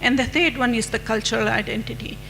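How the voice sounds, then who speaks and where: Conference speaker: middle-aged woman, fairly high voice, measured lecturing delivery, reverberant hall with faint hum. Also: vocal fry, sharp tone, faint music behind. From Fiji. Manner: measured, lecturing with rhetorical questions. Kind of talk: conference presentation.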